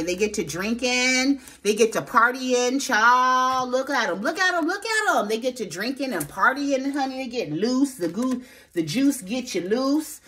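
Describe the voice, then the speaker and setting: A woman giving a casual tarot reading, sassy and expressive, swearing freely and talking straight to her viewers. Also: on the high side. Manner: talks straight to viewers, asks spirit aloud. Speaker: tarot reader.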